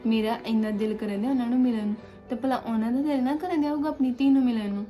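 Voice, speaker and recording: An actress playing a young adult daughter who gently consoles her mother. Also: a little high, steady tone, fast, faint music behind, close to an everyday voice. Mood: eager. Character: young daughter returning home after hardship.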